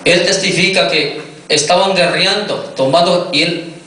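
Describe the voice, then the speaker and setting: Male pastor, measured sermon delivery, bright tone, quizzes the congregation, distant echoey hall recording. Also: sits high, a little hiss or hum. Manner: questions the congregation, repeats "me entiendes".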